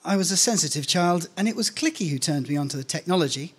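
On an indoor stage at a live reading event, a middle-aged man reads a scripted first-person short story into a stand microphone placed close in front of him. His voice is a little high, husky and expressive, and he talks fast.

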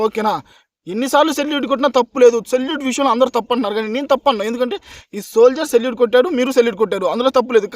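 A man's voice: very high-pitched, dry recording. A man reviewing a reality show in a heated rant, arguing hard and repeatedly checking that his listeners agree. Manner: combative, keeps asking listeners "okay?"; argumentative, repeats points for emphasis. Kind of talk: heated opinion rant to camera.

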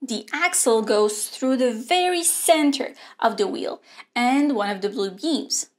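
A young woman teaches an online robotics lesson from a studio. She speaks slowly and clearly, at a slightly high pitch, and explains each part step by step. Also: lively intonation, a little mellow. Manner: clear, measured explaining with hand gestures. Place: indoor studio with a grey backdrop.

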